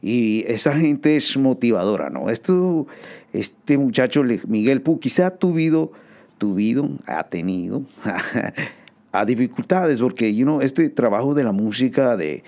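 A man's voice: medium pitch, expressive, unhurried, a little mellow. A man hosting a joking casual monologue, laughing often and dropping slang and English words. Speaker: host.

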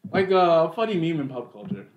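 A man's voice: fairly high pitch, very animated, brisk, muffled recording, crowd noise. A young man co-hosting a casual podcast chat, goofy and playful. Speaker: podcast co-host. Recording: echoey room with noise.

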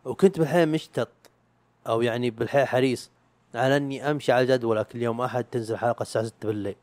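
A young man rattles through a loose, rambling chat at a fast clip. His talk is self-mocking, full of slang and the odd swear word. The recording is close and dry, with no room sound. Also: medium pitch, steady tone, darkish tone, no echo. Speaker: YouTube podcaster. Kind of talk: casual chat.

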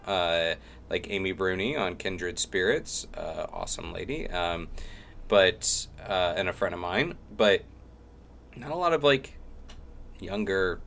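A middle-aged man hosts a casual podcast in a fairly low voice. He rambles through his thoughts, often doubling back, and talks about himself in a self-deprecating way. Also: gravelly, a bit bright, slight background noise. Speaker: podcast host. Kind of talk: casual chat.

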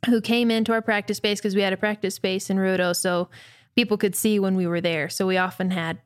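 A woman from New Mexico, a musician being interviewed, telling a story in a lively way and acting out the quotes. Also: mid-range voice, fairly quick, clean tone, no room sound, studio quality. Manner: lively, acts out quotes with voices. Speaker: musician guest.

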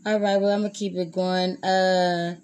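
A woman's voice: on the low side, level tone, normal speed, darkish tone, a little hiss or hum. A woman hosting an independent music radio show in a chatty, upbeat way, introducing the next song.

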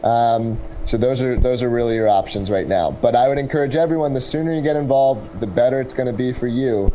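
A man giving casual, explanatory interview answers as a tech startup representative, pausing to pick his words. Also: mid-range voice, dark tone, a little hiss or hum, low-quality recording.

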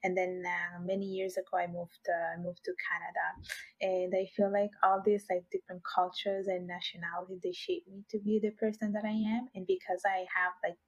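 A woman from Italy speaks as a podcast guest, her voice slightly husky. She talks earnestly, pausing on fillers and restarting her sentences. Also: on the low side, flat delivery, lo-fi sound. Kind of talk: podcast interview.

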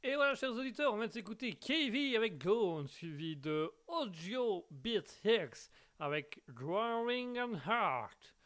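Jokey radio host. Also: male voice, sits high, animated, slow, a bit bright. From Belgium. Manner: chatty, jokey, rambling with fillers. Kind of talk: casual radio presenting.

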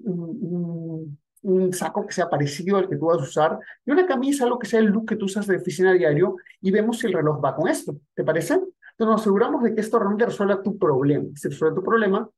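This sales coach has a high-pitched, darkish, husky voice with lively intonation and a brisk delivery. He teaches sales techniques in an instructional monologue that addresses the listener directly, in a conversational way.

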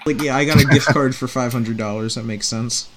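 A man's voice: mid-range voice, steady tone, brisk, a crowd in the background. A young man in casual voice chat banter, crude and teasing, laughing often.

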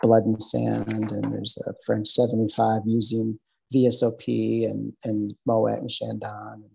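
Easygoing Midwestern guy, husky and dark-toned, rambles through stories on a podcast. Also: lowish voice, completely flat delivery, measured pace, poor audio. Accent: Midwestern American. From American Midwest. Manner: loose, rambling, lots of fillers and restarts. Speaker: podcast guest, bartender. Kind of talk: casual interview chat.

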